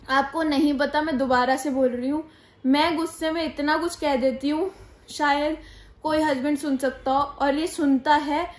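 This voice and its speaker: A high, bright-voiced young woman, pregnant, speaking earnestly and emphatically to her viewers. She drops English phrases into her talk. The sound bounces around an echoey room. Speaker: vlogger. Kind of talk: casual talk to camera.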